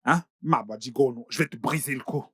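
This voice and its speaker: A man's voice: medium pitch, brisk, fairly bright tone, slightly rough, no room sound, studio quality. Man dubbing a stern, threatening boss. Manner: curt, threatening commands. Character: stern, angry male employer, head of house. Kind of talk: French film dub.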